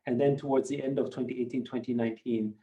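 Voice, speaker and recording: In a podcast interview, a fifty-something founder from Austria and native German speaker answers reflectively and with measured care, filling his speech with hedges. His warm, mellow voice has a steady tone and sits at a mid-range male pitch.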